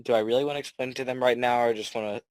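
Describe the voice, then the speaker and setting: A teenage boy co-hosting a podcast in casual chat, rambling with lots of fillers and swearing, often trailing off quietly. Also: medium pitch, steady tone, very fast, clean tone, dry recording, poor audio. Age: teens. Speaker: podcast co-host.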